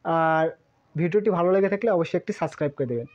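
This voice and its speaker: A woman's voice: sits low, racing, a little mellow. A woman teaching a language lesson, sounding out each word syllable by syllable and repeating it several times. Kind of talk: slow spoken lesson with repeated drilling. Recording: dull lo-fi audio.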